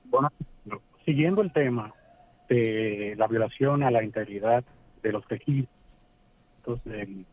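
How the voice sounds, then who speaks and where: Man, radio call-in, glitching cut-out phone audio, measured and halting. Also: on the low side. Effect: glitching, cutting-out phone line. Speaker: caller to a radio talk show. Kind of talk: call-in comment. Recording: tinny phone line on speakerphone.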